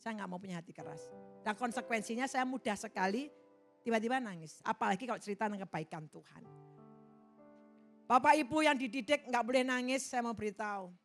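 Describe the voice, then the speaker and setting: A middle-aged woman pastor preaching from the pulpit in a large church, her voice a little high for a woman. She presses her points hard, then drops to quiet asides. Faint music plays behind her. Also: a little fast. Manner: emphatic, swings from loud exhortation to soft asides. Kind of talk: sermon.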